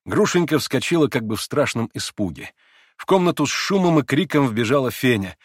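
A man reading a classic novel as expressive scripted narration. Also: medium pitch, fairly quick, no room sound, clean studio sound. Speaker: audiobook reader.

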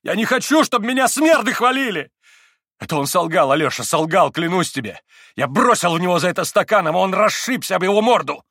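A man voicing a feverish, tormented young man in an audiobook, husky and agitated, rising into anguished outbursts. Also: sits high, lively intonation, fairly quick, a bit bright, no echo, studio quality, voice pushed up, full character voice. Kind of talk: audiobook character reading.

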